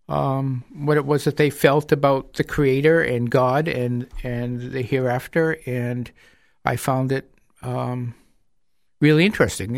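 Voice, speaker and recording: A middle-aged man talking as a radio show guest in a studio, telling his story in a measured, reflective way. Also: mid-range voice, gravelly, no room sound. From United States. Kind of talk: radio interview. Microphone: studio mic with headphones.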